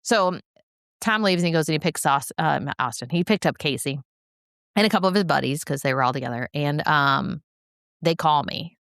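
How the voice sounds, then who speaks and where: Low, gravelly middle-aged woman telling a story. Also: brisk, no room sound, clean studio sound. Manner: animated, laughing, acts out quoted speech. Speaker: podcast co-host. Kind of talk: casual storytelling chat.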